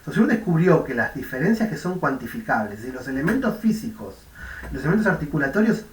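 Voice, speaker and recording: A man's voice: medium pitch, fairly bright tone, far from the mic. A man with a Rioplatense Spanish accent giving a university lecture, explaining step by step, demonstrating sounds aloud and often checking that his students follow. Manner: explanatory, checks understanding with "¿m?" and "¿de acuerdo?". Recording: echoey room, voice off-mic.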